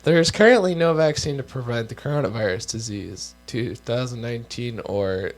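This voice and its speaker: A young American man co-hosting a casual show reads health guidelines aloud, tossing in offhand jokes as he goes. He is losing his voice, which is medium in pitch, and he speaks at a normal speed.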